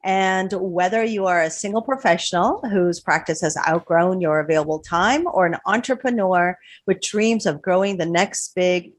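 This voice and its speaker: Woman co-hosting a podcast interview. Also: lowish voice. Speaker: podcast co-host.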